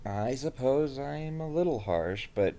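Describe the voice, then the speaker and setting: A man's voice: medium pitch, animated, a little slow, mellow. A man talking casually in an improvised role-play, blunt and offhand, with a dismissive streak.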